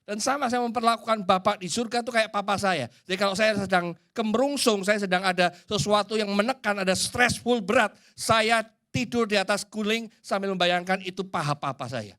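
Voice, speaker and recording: A man with an Indonesian accent preaching a sermon in a church, swinging from loud and emphatic to hushed. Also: high-pitched, fairly quick, hardly any pauses.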